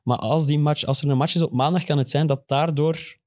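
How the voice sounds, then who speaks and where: A man's voice: fairly high pitch, fairly even intonation, brisk, a little mellow. A man with a Flemish Belgian accent, presenting in a casual, unscripted football chat.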